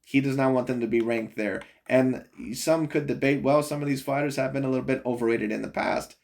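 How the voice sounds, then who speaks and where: A man's voice: medium pitch, brisk, gravelly, darkish tone. Rambling male boxing commentator. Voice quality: rambling, repeats "overall" and "in my opinion", chuckles often. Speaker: boxing commentator reviewing a video. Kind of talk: casual opinion commentary.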